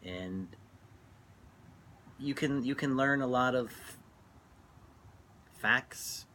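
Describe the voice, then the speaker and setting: A middle-aged man talking casually and reflectively while smoking, halting and trailing off between phrases as he reminisces. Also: medium pitch, pushed and bright, a little hiss or hum. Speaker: vlogger. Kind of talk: casual rambling monologue, reminiscing.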